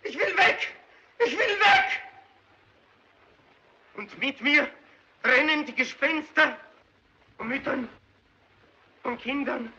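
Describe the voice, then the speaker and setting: Haunted killer, high and bright, slow broken pleading, dull early film sound. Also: male voice, full character voice. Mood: anguished. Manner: desperate, broken, rising to frantic screams. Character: hunted, tormented male child killer pleading before a mob. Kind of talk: 1930s film drama acting.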